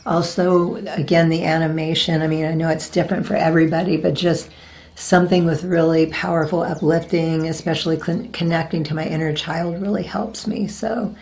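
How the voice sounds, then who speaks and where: In a casual spiritual vlog, a woman in her forties who practices reiki tells her webcam about her experiences, sitting indoors before a virtual blossom backdrop. Her voice is low, darkish, slightly raspy and gravelly with vocal fry, level in tone at a moderate pace. She wanders loosely, often stopping with ums to search for the next word, and the audio is poor.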